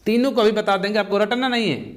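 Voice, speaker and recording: A man's voice: high-pitched, steady tone, fast talker. A man teaching an exam-prep lesson, who asks the class questions and answers them himself, repeating the key terms step by step.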